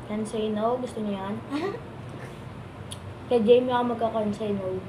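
A woman's voice: a little high, fairly even intonation, moderate pace. Teasing vlog lady chatting with her mouth full of fries, echoey room, lots of background noise. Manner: playful and teasing. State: chewing fries while talking. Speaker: vlog host. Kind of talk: casual mukbang vlog chat. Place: indoors in a house, downstairs.

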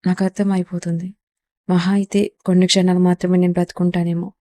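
A wounded young mafia don, obsessive and devoted, pleading his love in a low, level, mellow voice, voiced by a woman storyteller. His manner stays soft and tender rather than menacing. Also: flat delivery, fast, lightly acted.

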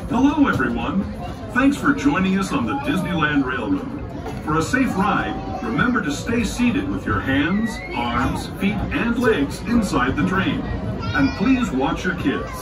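A man's voice: a little high, big pitch swings, unhurried. A man giving folksy, friendly scripted narration for a park ride, heard over a train speaker. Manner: folksy, friendly tour-guide delivery. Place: moving outdoor train. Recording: distant echoey train speaker, loud music and crowd.

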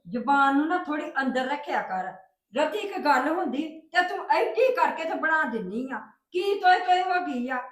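Actress as a wise, calm mother in a family drama, high voice, roomy sound. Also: distant mic. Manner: calming, counselling.

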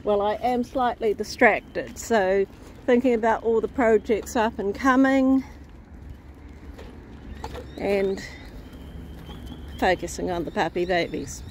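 A woman vlogging outdoors while walking her dogs, chatting in an easy, unhurried way to viewers and her pets, recorded on a handheld phone. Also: mid-range voice, a little hiss or hum. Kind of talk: casual walk-and-talk vlog. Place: outdoors on suburban streets. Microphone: phone camera held while walking.

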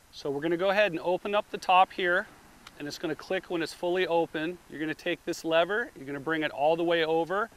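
Recorded on a camera mic beside a car at the beach, a middle-aged man gives a product demonstration of a roof rack, offering plain step-by-step instructions. He speaks in a somewhat bright voice on the high side.

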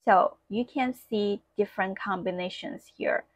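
A woman whose first language is Mandarin Chinese speaks English with a Mandarin accent, teaching an online lesson slowly and clearly and demonstrating tones. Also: mid-range voice, no echo, highs cut off.

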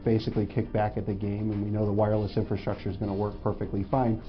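Matter-of-fact man, low voice. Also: monotone, quick pace. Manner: plain, matter-of-fact explaining. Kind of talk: corporate testimonial interview. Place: indoor studio before a logo backdrop. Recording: slightly dull audio with faint music.

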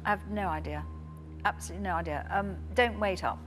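A woman's voice: medium pitch, quick pace, faint music behind. A woman on a television quiz panel, thinking aloud in an uncertain, hesitant way. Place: TV studio.

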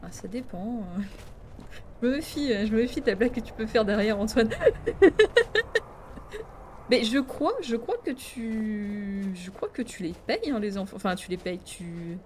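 A woman streaming a game, chatting excitably to her viewers and laughing often. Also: mid-range voice, normal speed, a little hiss or hum. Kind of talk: let's play commentary. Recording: game music playing behind.

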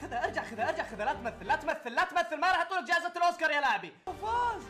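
A man giving live commentary on a football video game, ranting and shouting in exasperation. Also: extremely high pitch, expressive, racing, soft background music. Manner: loud, exasperated ranting with frequent shouts and curses.

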